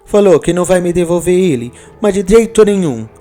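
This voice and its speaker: A man voicing a fiery, anxious Italian immigrant mother with an Italian accent, speaking high and insistent. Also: lively intonation, fairly quick, dark tone, faint music behind, lightly acted.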